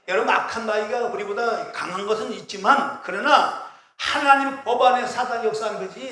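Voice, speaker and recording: A man's voice: high voice, bright, forceful tone, reverberant. A man preaching a sermon as pastor, emphatic and often questioning his congregation. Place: church.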